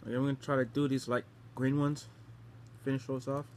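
A man's voice: mid-range voice, level tone, fairly quick. A young adult man chatting casually to the camera as he hosts a taste challenge, eating gross jelly beans. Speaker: vlogger hosting a taste challenge. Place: small bedroom indoors. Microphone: phone camera at arm's length. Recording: noisy home phone-camera recording.

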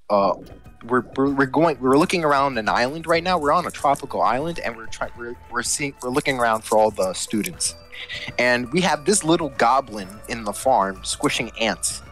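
A young woman chatting loudly and crudely with friends while playing a video game, laughing often. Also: rumbling low, expressive, moderate pace, faint music behind. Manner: loud, giggly and crude, joking with friends. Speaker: let's play gamer.

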